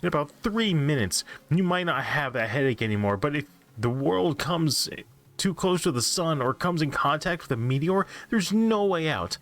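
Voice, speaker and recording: Man doing a high, jittery doomsday narrator. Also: animated, normal speed, fairly bright tone. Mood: uneasy. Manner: nervous, repeating himself, creepy reassurances. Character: anxious doom-obsessed narrator, unsettled and pleading. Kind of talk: creepypasta reading.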